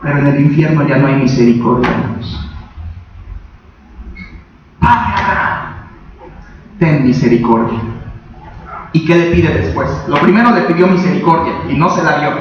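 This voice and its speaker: A man's voice: fairly high pitch, fast talker, a little hiss or hum. A man preaching a sermon as a pastor, emphatic and full of rhetorical questions to the congregation. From Mexico. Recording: echoey, distant, dull sound.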